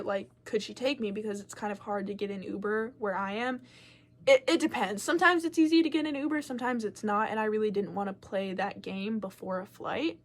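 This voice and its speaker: A young woman casually telling a personal story to camera, frank and swearing freely, with lots of filler words. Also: on the high side. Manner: animated, shifting loudness as she tells it. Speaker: vlogger.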